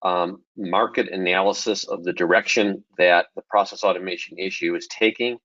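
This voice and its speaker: Man with a low early-morning voice. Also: moderate pace, dry recording. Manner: relaxed, with frequent ums and restarts. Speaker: webinar presenter. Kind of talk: technical webinar presentation. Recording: dull lo-fi webinar audio.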